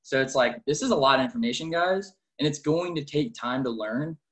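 A man's voice: medium pitch, brisk, fairly bright tone. A man in his early twenties talking in a casual, motivational way, informal and slangy, often saying "like". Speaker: car salesman in training, military veteran.

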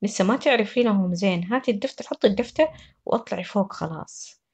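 A woman's voice: medium pitch, quick pace, a little mellow, slightly rough, voice pushed down. A woman voicing a stern, bossy nursery manager, scolding and giving orders.

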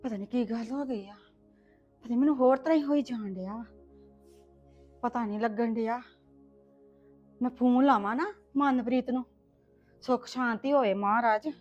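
A woman playing a fretful high-voiced village mother. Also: moderate pace, long pauses, a little mellow, lo-fi sound, soft background music, lightly acted. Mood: worried. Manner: wailing sighs, pleading and comforting. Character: anxious rural mother, soothing her crying daughter. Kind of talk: web series acting.

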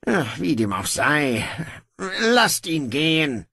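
A man voicing a weary, ruthless young king who talks in gruff, dry sarcasm. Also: fairly high pitch, sing-song, takes it slowly, bright, forceful tone, no room sound, voice pushed up, full character voice. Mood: sardonic.

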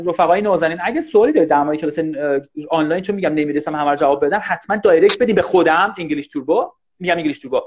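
A man teaching English in a casual live online class, talking fast and animated and often thanking viewers. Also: on the high side. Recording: dull lo-fi livestream audio.

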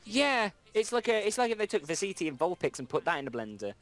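A man's voice: high-pitched, very animated, fast, faint music behind. A young man hosting a let's play, chatting casually and rambling with frequent restarts. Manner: rambling, self-correcting, reads game dialogue aloud. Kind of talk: casual gameplay chat.

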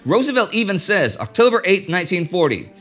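A middle-aged man hosts a history show, seated at a desk on an indoor studio set styled as an office and wearing a lapel mic. He presents a script conversationally with wry asides, his high-pitched, a bit bright voice very animated and fairly quick, with faint music behind.

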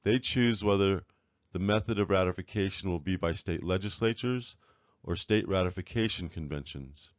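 A man with a very low voice delivers a measured, earnest lecture over slides, now and then pausing on fillers and restarting a word. The recording is dry and a little dull in tone, with no room sound around him. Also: no room sound. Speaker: author presenting his book. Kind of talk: slide-show lecture narration.

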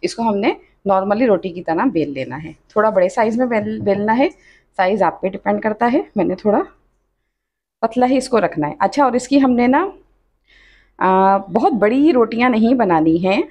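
A cooking channel host guides viewers step by step through a dish in her home kitchen, her medium-pitched, darkish voice lively and moderately paced. She chats while teaching, often dropping in "achha" and "dekhiye."

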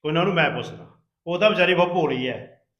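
A man playing a calm husband who talks mildly and tries to make peace. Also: fairly high pitch, fast, roomy sound, close to an everyday voice. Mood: placating. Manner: placating, mild.

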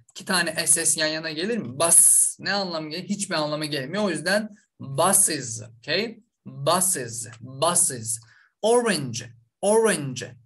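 A man's voice: high voice, a bit bright. A man from Azerbaijan, teaching an online language lesson and drilling each word over and over, with a frequent "okay?" to check in. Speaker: English teacher.

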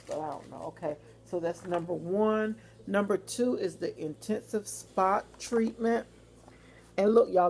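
Chatty low-voiced woman. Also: gravelly, darkish tone, slight background noise. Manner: chatty, rambling, informal with fillers and asides. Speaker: vlogger. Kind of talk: casual haul video chat. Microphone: phone or webcam.

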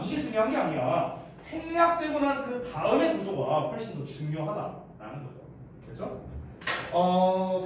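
A man teaching English grammar to a class, talking emphatically and checking often that students follow. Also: sits high. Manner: emphatic, keeps checking students with quick questions. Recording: echoey room, mic far off, noisy.

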